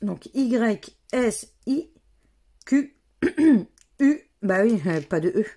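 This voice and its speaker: A woman's voice: a little high, expressive, drawn-out words, warm tone. A woman from France giving a casual running commentary as she scratches lottery tickets, spelling out letters one by one. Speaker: scratch-card vlogger.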